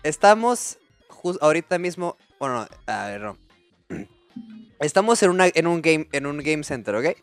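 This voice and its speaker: Rambling young man, a bit high, dry close sound, faint music. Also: very animated, normal speed, clean tone, no echo. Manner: rambling, self-correcting. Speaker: friend setting up an improv skit. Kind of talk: casual improv among friends.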